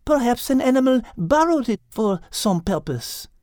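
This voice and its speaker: A man's voice: very high voice, big pitch swings, normal speed, darkish tone, no room sound, studio quality, pitched above the performer's own voice. A man putting on a thoughtful French lady animal. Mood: musing. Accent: French, put on. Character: calm clever French female animal sleuth.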